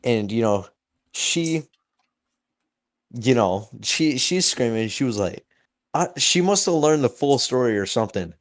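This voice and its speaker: A young adult man telling a story in a casual podcast chat, animated and acting out the people in it. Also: medium pitch, a little slow, long pauses. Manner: animated, acts out voices in anecdotes. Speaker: podcast co-host.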